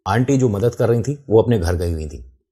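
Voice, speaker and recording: A man narrates a first-person horror story in a relaxed, conversational way. His voice is low and dark with a husky grain. He addresses the listener directly and walks through where everything was. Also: moderate pace.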